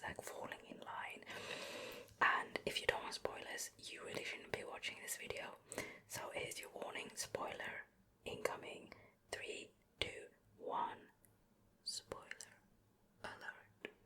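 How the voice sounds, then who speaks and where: Whispering softly and breathily, this ASMR host takes her time with a conversational show and tell. A close stereo mic picks her up from ear to ear.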